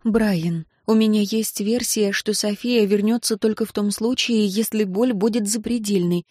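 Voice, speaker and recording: Desperate tearful healer girl, hushed then shrill, woman reader doing her, dry sound. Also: moderate pace, breathy edge, no echo, close to an everyday voice. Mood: tense, hushed. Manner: pleading, breaks into shrieks. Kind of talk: audiobook character voice.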